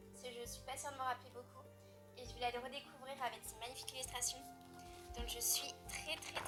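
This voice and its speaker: A French woman casually chatting about her books as a book vlogger, rambling with fillers and self-corrections. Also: sits high. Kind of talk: casual chat.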